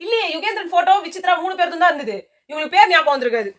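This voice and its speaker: Fast, bright-voiced woman reviewer. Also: very high voice. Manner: animated, mocking, talks over her co-host. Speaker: reality show reviewer. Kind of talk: casual chat reviewing a show promo.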